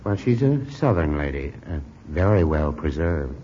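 A man's voice: rumbling low, big pitch swings, moderate pace. A man playing a mild, hesitant, obliging shop clerk in 1940s radio comedy acting. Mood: helpful, hesitant. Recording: noisy, dull vintage radio recording.

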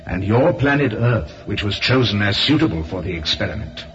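A grave alien council voice, low, measured, radio play, lo-fi. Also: male voice, expressive, a bit bright, soft background music. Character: solemn collective voice of alien spirit council. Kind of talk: radio drama acting.

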